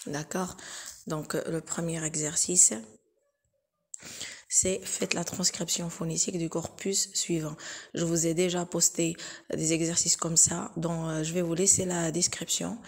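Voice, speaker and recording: A woman teacher explaining exam exercises in a recorded lesson, hesitant and full of filler pauses, repeating each example slowly and patiently. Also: lowish voice, flat delivery, slightly rough.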